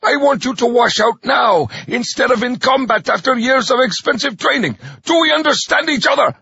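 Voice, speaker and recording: Man putting on a rasping, brutal drill sergeant. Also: extremely high pitch, lively intonation, normal speed, pushed and bright, no echo, lo-fi sound, pitched above the performer's own voice, heavily acted. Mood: menacing. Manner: barking orders, growling. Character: fat, brutal male drill sergeant, gleefully cruel.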